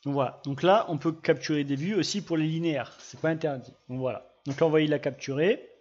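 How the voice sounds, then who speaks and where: A man giving a casual screen-recorded software tutorial, chatting through each click with little sound words. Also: fairly high pitch, a little fast, lo-fi sound. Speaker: GIS tutorial presenter.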